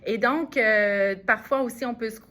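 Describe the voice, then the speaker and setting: A woman's voice: a little high, moderate pace, bright, forceful tone. Chatty Québécois woman on radio. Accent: Québécois French. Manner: chatty, many fillers and restarts. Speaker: radio columnist. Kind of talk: radio talk segment. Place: radio studio.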